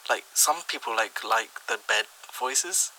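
A man's voice: mid-range voice, lively intonation, unhurried, bright, forceful tone, a little hiss or hum, rough recording. A young man co-hosting a podcast, chatting casually and giving laid-back advice. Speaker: podcast co-host. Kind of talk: casual chat.

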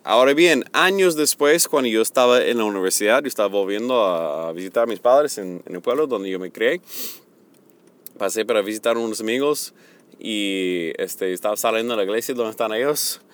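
A middle-aged man teaching on Bible words, earnest and slow, mixing a personal confession into his explanation. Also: fairly low pitch, expressive. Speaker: preacher.

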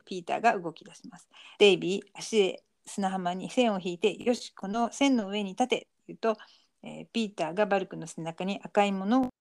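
A woman's voice: medium pitch, quick pace, creaky, darkish tone. Easygoing woman narrating TV scenes. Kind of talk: casual chat recapping a TV episode.

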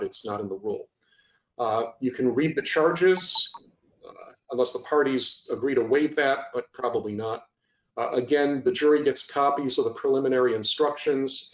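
A man presenting a judicial training session over a video call, conversational with dry humor and frequent restarts. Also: mid-range voice. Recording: echoey, muffled lo-fi audio.

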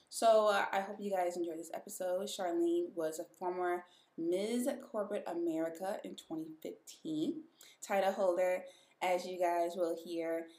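A woman's voice: mid-range voice, a little mellow. Woman, podcast host, chatty, emphatic, casual introduction style, echoing reverberant room. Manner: chatty, emphatic, addressing listeners directly.

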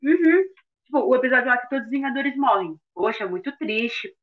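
A woman's voice: fairly high pitch, expressive, a little fast. A Brazilian woman co-hosting a podcast, talking in a slangy, playful way. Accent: Brazilian Portuguese. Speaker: podcast co-host. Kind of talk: casual podcast chat. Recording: phone-like thin sound.

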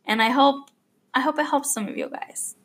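A woman's voice: sits high, normal speed, a bit bright. A young woman hosting an unscripted podcast, rambling with lots of fillers and restarts, a little choked up. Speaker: podcast host. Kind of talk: unscripted casual podcast monologue.

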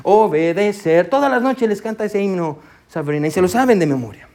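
Pastor de voz aguda predicando. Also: male voice, sits high, lively intonation, fast talker, vocal fry. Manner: warm, conversational preaching with frequent "amén" and "hermano". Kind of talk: sermon. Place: church sanctuary.

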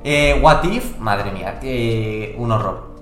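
A man's voice: medium pitch, animated, slow pace, over music. Rambling man with a Spanish accent, echoey room. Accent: Spain Spanish. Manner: exclamatory, rambling, often restarts his phrases. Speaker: podcast co-host. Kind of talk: casual chat.

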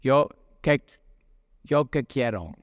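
A man's voice: mid-range voice, expressive, slow pace, no room sound, highs cut off. A man, preaching a sermon as a pastor in a conversational way, asking his listeners questions.

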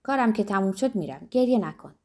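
A woman voicing a kind old grandmother who gently soothes a child. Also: medium pitch, expressive. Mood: soothing. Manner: gentle, coaxing.

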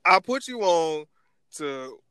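A man's voice: on the high side, big pitch swings, slow pace, sharp tone, smooth, no room sound, studio quality. A young man hosting a casual debate among friends, talking in an insistent, slangy frat-bro way full of "bro". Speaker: host of a group anime debate.

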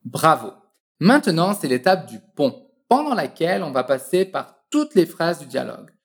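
A woman teaching a French lesson, encouraging the listener and drilling phrases slowly and precisely for them to repeat. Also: low-pitched, very animated.

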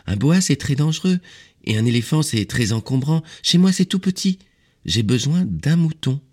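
A man's voice: lively intonation, moderate pace, a little mellow, slightly rough. A man voicing a curious, insistent little boy prince in an audiobook reading, with an eager, pleading tone. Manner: eager, pleading, high childlike tone.

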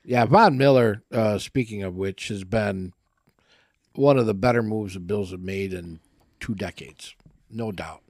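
A man's voice: lowish voice, a little slow, a little mellow, no echo, studio quality. A man co-hosting a casual sports chat, agreeable and easygoing, with casual swearing. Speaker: podcast co-host.

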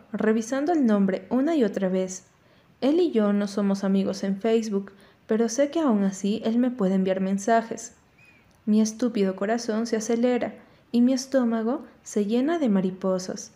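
Mellow-voiced woman narrating an audiobook. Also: a little high. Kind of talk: first-person audiobook narration.

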